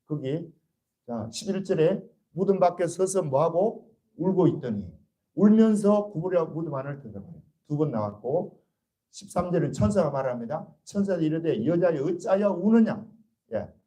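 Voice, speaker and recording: High-voiced man preaching a sermon. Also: animated, moderate pace, mellow, rough recording. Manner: asks the congregation rhetorical questions and answers them himself; earnest, urging and exhorting. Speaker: pastor. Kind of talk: Easter sermon to a congregation.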